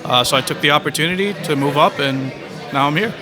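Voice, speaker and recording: A young man from Trinidad and Tobago, speaking as a cadet, answers fluently with the odd "you know". His voice sits slightly high. A busy crowd chatters behind him. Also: quick pace, over music. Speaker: college cadet. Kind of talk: casual interview answer.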